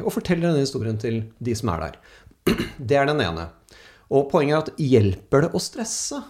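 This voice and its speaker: A man tells casual anecdotes as a speaker, animated and acting out the people he quotes. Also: on the high side. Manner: animated storyteller, acts out quoted voices. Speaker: speaker telling stories.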